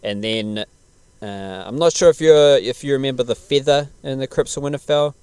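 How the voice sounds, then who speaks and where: A man's voice: mid-range voice, moderate pace, darkish tone, clean tone, dry recording. A man chatting casually as a podcast host, laid-back, slangy and rambling. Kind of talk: casual podcast chat about television.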